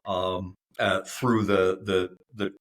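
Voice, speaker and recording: A man in his fifties, a podcast guest, speaking in a halting way with many fillers and restarts. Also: deep voice, flat delivery, fairly bright tone. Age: 50s. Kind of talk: conversational interview.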